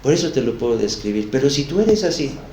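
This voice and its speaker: A man's voice: mid-range voice, sing-song, fast, a little mellow, slight background noise. A man with a Mexican accent teaching a Bible study, earnest and confessional, speaking straight to the listener. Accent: Mexican Spanish. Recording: roomy echo.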